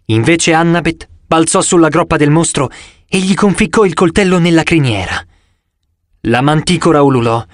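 A man narrating an audiobook in an expressive, dramatic reading. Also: fairly high pitch, no room sound, clean studio sound. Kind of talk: scripted narration.

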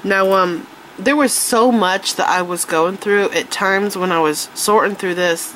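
This casual show-and-tell features a woman, nasal and congested from allergies, excitedly showing craft supplies at an indoor tabletop under an overhead camera aimed at her hands. Chatty, with fillers and restarts, she speaks at a measured pace in a mid-range, fairly bright voice. The recording is rough, with slight background noise.

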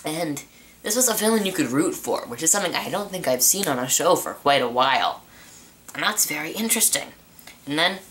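This TV show reviewer, a young man, talks through a season in a loose, rambling way, circling back, restarting, and filling gaps with "uh". He has a slightly high, bright voice with a forceful tone, accompanied by faint hiss or hum.

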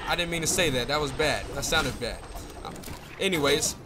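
A young man giving casual, slangy commentary over his own gameplay, excitable, with hype reactions and playful trash talk. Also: on the high side, normal speed, background noise. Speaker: gaming video creator.

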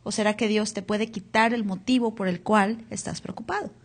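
A woman's voice: medium pitch, steady tone, normal speed. A woman pastor preaching a live church sermon, asking the congregation to read along and repeat words aloud. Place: church hall, captured live.

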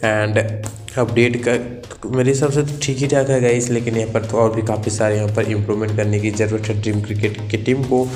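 A man's voice: lowish voice, steady tone, brisk, a little mellow, slight background noise. A young man hosting a gaming channel, talking through a game update in a voice-over full of fillers and repeated "guys". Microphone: voice-over over screen recording. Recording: echoey room with faint background music.

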